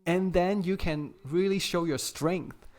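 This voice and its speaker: A man's voice: high-pitched, unhurried. Upbeat man giving eager advice. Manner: energetic, encouraging, laughs often. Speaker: guest creator coach. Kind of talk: casual advice chat. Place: remote call from home.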